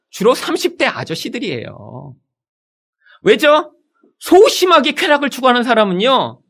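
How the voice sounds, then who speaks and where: A middle-aged man preaching a sermon in a church as pastor, acting out the people he quotes. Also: sits high. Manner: animated, acts out quoted people in his preaching.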